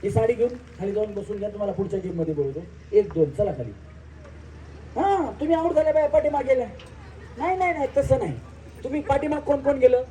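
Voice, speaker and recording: A man's voice: extremely high pitch, animated, fast talker. A man with a rural Marathi accent hosts a live outdoor village game show, teasing the women players and calling out the game moves in a joking way. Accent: Marathi, rural Maharashtra. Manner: teasing, loud calls, counting out games. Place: outdoor village stage event. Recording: distant outdoor mic, faint noise.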